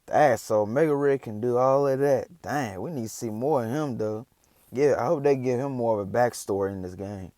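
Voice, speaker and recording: Male reaction host, casual slangy chat, average pitch, very dry recording. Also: moderate pace, warm tone, dry recording. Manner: slangy, loose, rambling.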